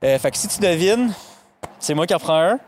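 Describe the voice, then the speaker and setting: A man's voice: sits high, a little fast, slight background noise. A man with a Québécois French accent, hosting a casual podcast, running a guessing game and laughing often. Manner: laughs often, relaxed and joking. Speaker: podcast host.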